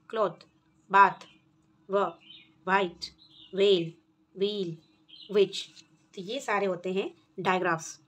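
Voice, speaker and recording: A woman walks parents through a phonics lesson. She reads each practice word slowly and clearly and pauses between them. Her tone stays patient and even, like a teacher's. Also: medium pitch.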